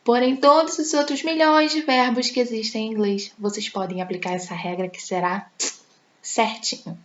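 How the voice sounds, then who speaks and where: A Brazilian woman with a fairly high voice explains English grammar in a video lesson, slowing right down for each example sentence. The recording is echoey and a little dull. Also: steady tone. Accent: Brazilian Portuguese. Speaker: English teacher. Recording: echoey room, slightly dull sound.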